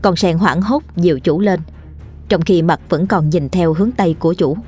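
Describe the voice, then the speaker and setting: A woman narrating a ghost story in a steady, measured storytelling voice. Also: on the low side, breathy edge, faint music behind.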